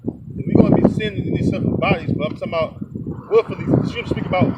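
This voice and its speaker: A man preaching outdoors, emphatic and rough-spoken, stumbling over fillers as he reads and explains scripture. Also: very high-pitched, wildly swooping pitch, rapid-fire. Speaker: street preacher. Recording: distant mic, loud street noise.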